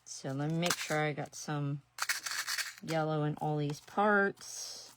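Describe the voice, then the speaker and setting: Speaking in a deep voice and at a slow pace, a middle-aged Ohio woman with an Ohio accent rambles casually while working on a craft during a live stream. She's a resin artist and painting teacher, chatty and prone to self-deprecating remarks. The background is noisy.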